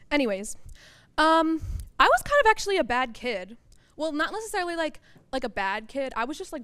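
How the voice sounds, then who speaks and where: A woman's voice: on the high side, a bit bright, clear, resonant tone. A young woman doing a stand-up comedy set on a college stage, blunt and self-deprecating, with casual swearing. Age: young adult.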